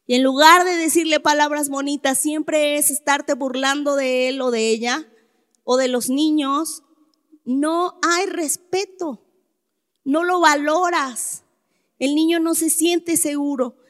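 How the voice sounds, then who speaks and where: A woman gives a talk to a live audience, her voice set high and her delivery slow and deliberate. She leans hard on key words and keeps turning to her listeners with rhetorical questions. A long echo from a hall follows every line. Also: fairly even intonation, a bit bright. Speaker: speaker addressing a church or group audience. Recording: echoey hall.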